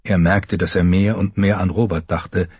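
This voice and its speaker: Husky low-voiced man narrating. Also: fairly even intonation, normal speed, darkish tone, no room sound, dull audio. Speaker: audiobook narrator. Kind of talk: scripted fantasy novel narration.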